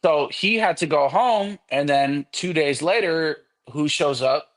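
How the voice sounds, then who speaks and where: A man's voice: fairly high pitch, measured pace. A man guesting on a podcast, telling a long story casually and animatedly, with frequent swearing.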